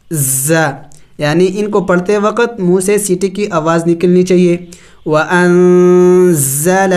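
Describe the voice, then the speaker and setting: A man teaching tajweed, spelling out Arabic letters slowly and reciting, then explaining the rules. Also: high voice, a little mellow, clear, resonant tone. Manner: slow drawn-out recitation between plain explanations.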